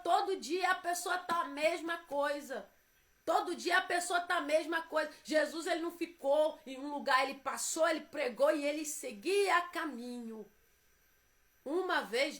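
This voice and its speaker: A woman's voice: high voice, a bit bright. A woman preaching a devotional sermon, emphatic and repetitive as she urges her listeners on.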